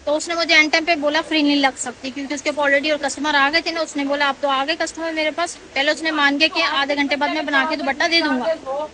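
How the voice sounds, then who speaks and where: A woman's voice: high-pitched, flat delivery, quick pace, roomy sound, a crowd in the background, poor audio. A woman vlogger with a Karachi Urdu accent chatting casually to camera, retelling a quarrel with a shopkeeper and acting out both sides of the dialogue. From Pakistan. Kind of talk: casual vlog storytelling.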